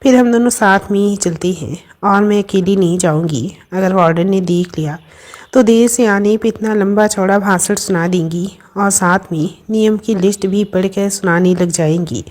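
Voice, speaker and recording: Brief: woman voicing a shy, tired young woman for a storybook, mid pitch. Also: moderate pace, darkish tone, lightly acted. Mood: chatty. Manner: shy, playful with her friend.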